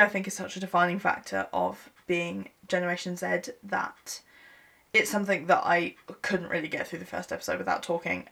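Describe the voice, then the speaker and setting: A woman in her 20s hosts a solo podcast from her home, speaking into a microphone with a laptop. Her medium-pitched voice has vocal fry and a bit of brightness, and her chat is rambling and self-deprecating. She's sleepy, yawning late at night.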